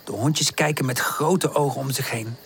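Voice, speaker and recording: A woman narrating a children's audiobook in an expressive storytelling manner. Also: rumbling low, moderate pace, gravelly, a little hiss or hum.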